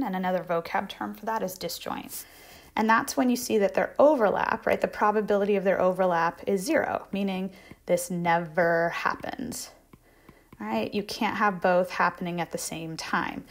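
A woman math instructor giving a conversational recorded lecture over slides, repeating key points and checking in with "right?" often. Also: mid-range voice.

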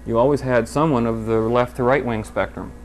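A man's voice: mid-range voice, steady tone, fairly quick. A man explaining a point plainly in an interview.

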